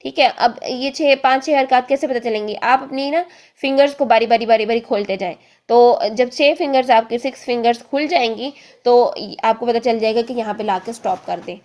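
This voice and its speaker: Lady teaching quran letters, bit high voice, patient, stretches out the sounds. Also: normal speed, darkish tone. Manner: patient, repeats each point with "theek hai"; draws out letter sounds as she demonstrates them. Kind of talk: step-by-step lesson.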